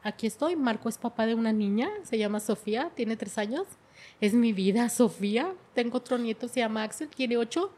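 A woman's voice: on the high side, fairly quick, a little mellow. A middle-aged woman, telling her life story in an emotional way and often repeating her words. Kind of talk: personal testimony.

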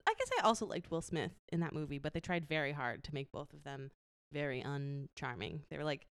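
A woman's voice: low voice, a little fast, smooth, no echo, studio quality. A woman co-hosting a casual movie chat, chatty, with many fillers and restarts. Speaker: podcast co-host.

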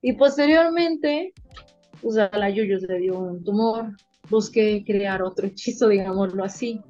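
A woman with a Mexican accent, a veterinarian guest in an interview, telling her stories in an animated, emotional way. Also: mid-range voice, unhurried, muffled recording, soft background music. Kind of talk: casual interview storytelling.

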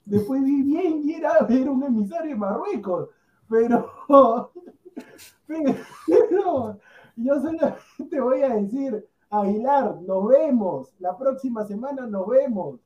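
A man with a Peruvian accent, trading loud, teasing football taunts as a sports talk panelist. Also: very high voice, expressive, measured pace, roomy sound, highs cut off. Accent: Peruvian Spanish. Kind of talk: heated football banter.

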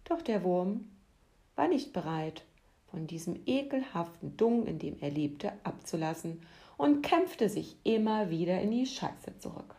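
A woman host telling a parable calmly, softly, sometimes trailing into a whisper. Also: lowish voice, measured pace. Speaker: podcast host and storyteller. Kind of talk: calm storytelling narration.

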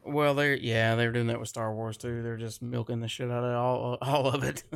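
A man's voice: mid-range voice, flat delivery, normal speed, gravelly, clean tone. A man co-hosting a podcast in casual chat, joking, laughing often and reading out listener comments. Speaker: podcast co-host.

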